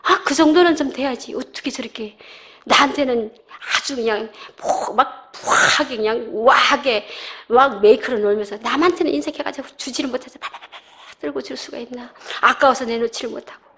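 A middle-aged woman giving a personal church testimony, telling her story with animated delivery, acting out voices and laughing. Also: high voice, a little fast.

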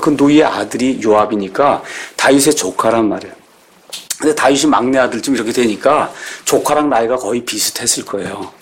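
A man's voice: mid-range voice, husky. A middle-aged man preaching a sermon as a pastor, speaking conversationally and putting rhetorical questions to the congregation.

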